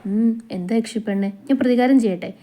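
A man's voice: very high-pitched, expressive, quick pace, mellow. A woman voicing a teasing young husband.

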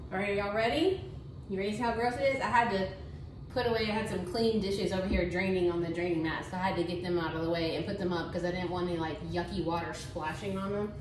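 In the carpet-free living room of her house, a woman vlogs casually to camera about cleaning. She has a fairly low-pitched, chatty, homey voice full of fillers like "like" and "um," and the audio sounds roomy with background noise.

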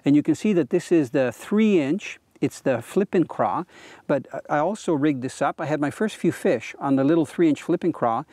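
A middle-aged man hosts a fishing show outdoors on a boat and dock by a lake, explaining gear and technique with easy enthusiasm and plenty of "you know." His voice is on the high side, animated and mellow, at a normal speed, with no room sound.

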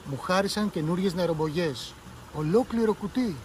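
Man reading as a curious little girl, lively, teasing, storybook reading. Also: high-pitched, slight background noise, close to an everyday voice.

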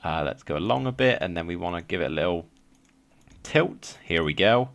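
Deep-voiced man thinking aloud while playing. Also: animated, a little fast, vocal fry, fairly bright tone. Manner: chatty, thinks aloud, frequent ums and laughs. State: slight lisp. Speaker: gaming channel host. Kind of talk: casual let's play commentary.

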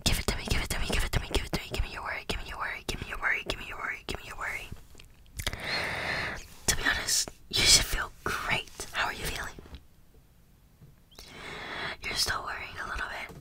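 A young woman in a breathy, soothing whispered role-play, very close to the microphone, repeating phrases with tingly ASMR mouth sounds. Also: fast talker, long pauses. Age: young adult. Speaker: ASMR creator. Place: small room indoors. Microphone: close desktop condenser microphone.

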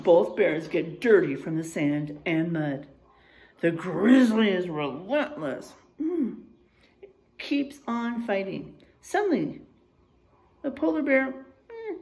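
In a small unfinished room or garage with drywall, a middle-aged teacher reads aloud to children in an animated style, her pitch swinging widely as she takes her time over phrases. She encourages her young listeners and speaks to them directly in asides. Her voice has vocal fry, and the recording is low quality.

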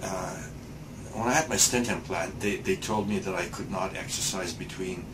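A man's voice: sits low, moderate pace, noisy background. A man in his sixties, speaking hesitantly with many fillers and restarts while giving a patient testimonial in a small clinic room. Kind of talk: casual interview answers.

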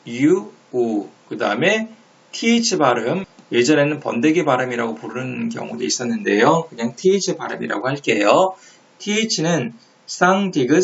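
A man's voice: medium pitch, creaky, dull audio. A man teaching English pronunciation step by step, drawing out and repeating each sound for the learner. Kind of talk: step-by-step phonics lesson.

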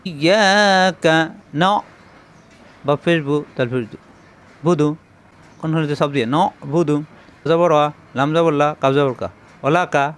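A man teaching Quran reading, spelling Arabic letters out one syllable at a time with slow, patient drilling. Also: fairly high pitch, clear, resonant tone.

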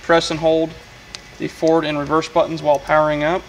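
Fairly quick and completely flat, this man's high-leaning voice comes through a low-quality recording with a little hiss or hum. He works as a welding equipment technician and gives a hands-on demonstration of a machine's control panel, matter-of-fact and full of fillers. A camera mic records him in a workshop.

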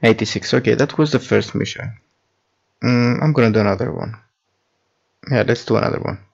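A man's voice: medium pitch, a little fast, creaky, muffled recording. A man giving casual commentary while playing a video game. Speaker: gamer.

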